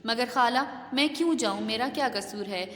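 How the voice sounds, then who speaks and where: A woman's voice: on the high side, natural voice. A woman teacher voicing an aggrieved, tearful middle-aged housewife who complains shrilly, read aloud in an echoey room.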